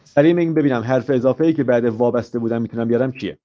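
A man's voice: mid-range voice, highs cut off. A man teaching an IELTS grammar lesson live, asking the class questions, explaining step by step and dropping in English example phrases.

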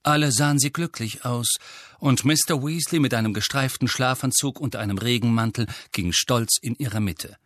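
Male audiobook narrator, unhurried and measured, dry booth sound. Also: medium pitch, a bit bright, no echo. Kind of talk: scripted narration.

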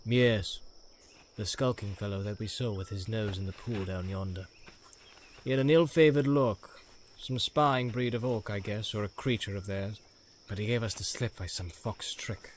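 A man voicing Faramir, a tall stern captain of soldiers, speaking low, measured and commanding. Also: slight background noise, close to an everyday voice.

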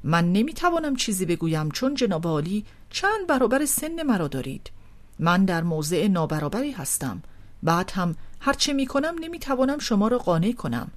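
A woman's voice: mid-range voice, very animated, close to an everyday voice. Woman reading as an offended young man. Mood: wounded. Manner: earnest, pleading. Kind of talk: audiobook reading of a novel.

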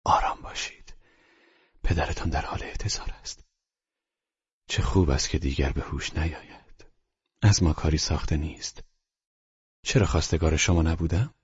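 A man voicing an aging male doctor, earnest and gentle, who speaks softly and often drops to a hushed whisper in this storybook reading. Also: very deep voice, husky, dry recording, highs cut off, full character voice.

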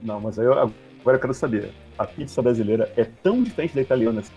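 A man's voice: medium pitch, expressive, rapid-fire, mellow, lo-fi sound, soft background music. A man hosting a casual interview, playful and teasing. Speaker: interview host.

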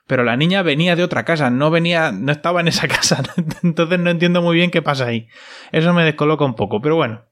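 Wry man recapping a series. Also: fairly high pitch. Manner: wry, casual, ironic asides. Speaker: host.

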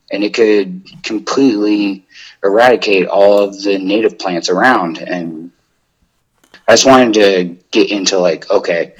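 A man's voice: on the low side, slightly rough, rough recording. A young man chatting casually as a podcast guest, rambling with lots of "like". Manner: rambling, full of "like". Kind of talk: casual interview chat.

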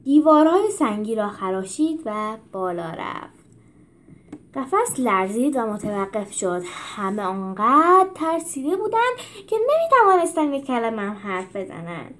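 A woman hosting a podcast and reading a translated children's book aloud with expressive storytelling. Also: on the high side. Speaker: podcast host and narrator.

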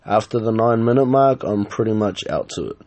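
A man's voice: on the low side, a little fast. A man hosting his own podcast, talking casually and rambling, with lots of "uh" and "um" fillers. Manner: relaxed, rambling, many fillers. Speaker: podcast host. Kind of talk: casual solo podcast talk.

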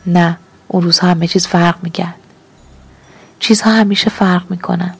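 A woman's voice: on the low side, fairly even intonation, gravelly, breathy edge. A woman narrator voicing a tired, fearful man who answers in short, subdued replies.

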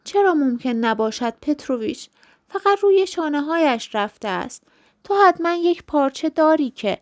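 A woman's voice: a little high, animated, a little mellow. A woman voicing a timid, poor male clerk who pleads anxiously in a storybook reading. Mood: pleading.

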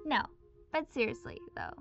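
A woman's voice: on the high side, huge pitch swings, moderate pace, gravelly, exaggerated voice. A woman playing a smug, inhuman female cult leader giving a mock-sweet valedictorian speech, heard as if played from a cassette tape. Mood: gleeful smug. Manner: chirpy, mock-sweet, sarcastic asides. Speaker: stand-in valedictorian. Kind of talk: fan audio drama acting. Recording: dull lo-fi tape with faint music.

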